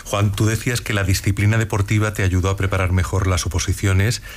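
Low-voiced male host. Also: steady tone, fairly quick. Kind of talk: interview conversation.

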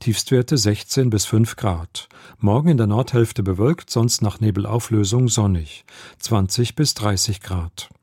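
A man reading the radio news in a measured, formal studio delivery. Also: lowish voice, darkish tone, slightly rough, dry recording. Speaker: newsreader.

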